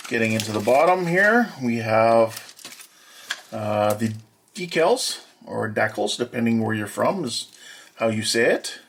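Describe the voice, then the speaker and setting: A man walking through an unboxing as a hobby model builder, talking in a plain, matter-of-fact way with many filler pauses. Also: fairly low pitch, animated, a bit bright, a little hiss or hum. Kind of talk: unboxing walkthrough.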